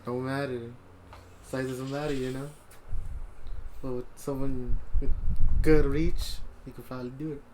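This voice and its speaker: A man's voice: medium pitch, little pitch movement, unhurried, long pauses, mellow, slight background noise, low-quality recording. Cocky young man talking trash. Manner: cocky trash talk, short replies. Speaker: podcast co-host. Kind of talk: casual podcast chat.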